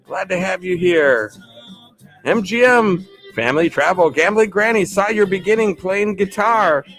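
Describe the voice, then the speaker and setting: A man hosting a casual livestream hangout, chatty and upbeat, laughing often as he reads viewer comments and thanks people warmly. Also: sits high, expressive, a little slow, faint music behind. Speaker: livestream host. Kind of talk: casual live-stream chat, reading comments.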